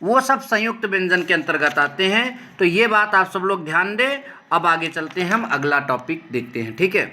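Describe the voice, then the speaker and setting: A man teaching Hindi grammar, explaining step by step, often checking in with the class and slowing down to sound out individual letters. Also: high-pitched, animated, sharp tone, a little hiss or hum. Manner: repetitive, checks in with "ठीक है" often. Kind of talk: explaining a lesson over slides.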